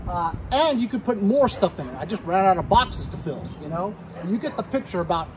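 A man's voice: sits high, sing-song, a little fast, a crowd in the background. A middle-aged man casually reviewing a product in a suburban driveway, chatting to viewers he calls guys, recorded on a phone camera. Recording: outdoor street noise behind.

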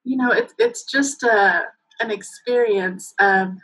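On a low-quality recording, a woman in her thirties speaks slowly in a mid-range voice with a breathy edge. Originally from Mexico with Spanish as her first language, she's a guest on an informal video-call interview at home, using her laptop webcam, and her storytelling is warm, filler-heavy and broken up by laughter.

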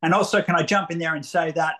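A man's voice: on the high side, fairly even intonation, fast, fairly bright tone. A man, a co-producer chatting enthusiastically over a webcam. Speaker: co-producer and actor. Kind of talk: casual interview on a video call. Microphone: video call webcam.

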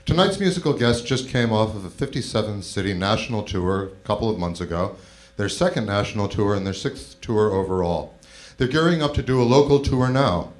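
A man's voice: on the low side, lively intonation, brisk. A middle-aged man hosting a show, introducing a band from a small theater stage in an announcer manner. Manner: announcer-like, building to a hype call. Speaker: show host. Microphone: handheld mic on stand.

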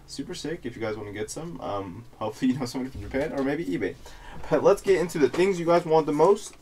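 A young man hosting a pack-opening video, chatting casually with slangy, excitable frat bro hype. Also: medium pitch, a little hiss or hum. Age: young adult. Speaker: YouTube host opening trading card packs. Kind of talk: casual excited chat to camera. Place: small indoor room at home.

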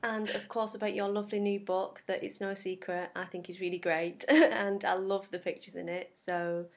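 A woman's voice: medium pitch, little pitch movement, moderate pace. A woman hosting a podcast, chatting informally and casually. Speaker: podcast host.

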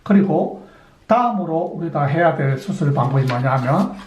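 Middle-aged male surgeon, methodical explainer, slightly high, mellow tone, roomy sound. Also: expressive, moderate pace, a little hiss or hum. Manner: methodical, poses and answers his own questions. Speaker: plastic surgeon. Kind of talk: explanatory clinic talk.

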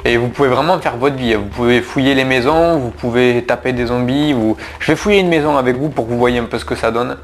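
A man's voice: medium pitch, brisk, few pauses. A man casually commenting on his gameplay for viewers, talking to them directly, with frequent fillers and restarts. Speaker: gaming YouTuber. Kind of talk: casual let's-play commentary.

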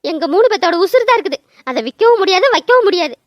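A woman's voice: extremely high pitch, animated, quick pace, dull audio, background noise. A woman voicing an old village mother-in-law in a cartoon, scolding and sarcastic. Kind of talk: cartoon voice acting.

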